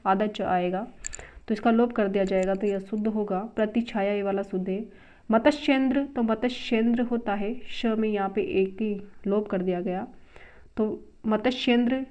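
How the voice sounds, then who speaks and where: A woman teaching a grammar lesson with a fairly high voice. She drills one word after another in a brisk, repetitive manner and calls out each new word louder. The recording sounds dull and lo-fi. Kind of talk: exam-prep grammar lesson.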